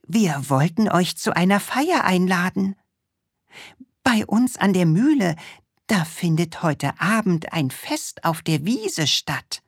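A woman's voice: lowish voice, big pitch swings, breathy edge, no room sound, clean studio sound, pitched above the performer's own voice, heavily acted. A woman voicing a small, cheerful, eager male storybook character who coaxes and hurries the others along. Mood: urging. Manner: pushy and hurried, coaxing.

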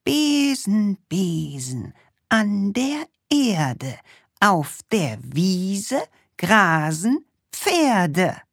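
A woman putting on a shrill forgetful witch. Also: animated, no echo, studio quality, heavily acted. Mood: chanting. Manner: shrill, slow sing-song chanting of spells. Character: forgetful scolding female witch, flustered. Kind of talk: storybook reading.

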